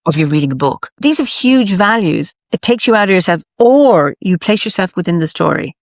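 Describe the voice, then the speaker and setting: An Irish woman storyteller talking reflectively in a lilting, emphatic way, with thoughtful, deliberate pauses. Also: on the low side, animated, dry recording, studio quality. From Ireland. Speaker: storyteller, interview guest. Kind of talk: reflective conversational storytelling talk.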